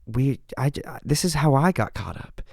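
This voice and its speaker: A man's voice: mid-range voice, expressive, moderate pace, creaky, no echo, clean studio sound. A young man hosting a faith podcast, telling a personal story in an earnest, conversational way, often checking in with a "right?". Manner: earnest, conversational, frequent "right?" tags and soft laughs. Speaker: podcast host. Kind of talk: faith podcast testimony and encouragement.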